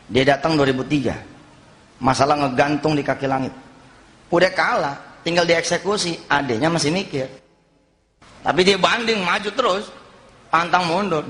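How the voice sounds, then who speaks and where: A middle-aged man preaching a sermon, telling stories and acting out the dialogue with lively energy. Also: fairly high pitch. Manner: lively storytelling, acts out dialogue. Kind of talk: sermon with anecdotes. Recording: long hall reverb.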